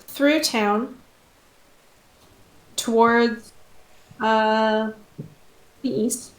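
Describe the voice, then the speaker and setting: A woman narrating as game master of a tabletop game, unhurried, with frequent ums and easy laughter. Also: a little high. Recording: echoey room.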